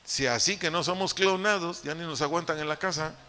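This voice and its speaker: A man's voice: fairly high pitch, a little fast, sharp tone, a little hiss or hum. A man preaching a sermon with a Mexican Spanish accent, teaching step by step, repeating key points and putting questions to the congregation. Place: church hall. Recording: long hall reverb.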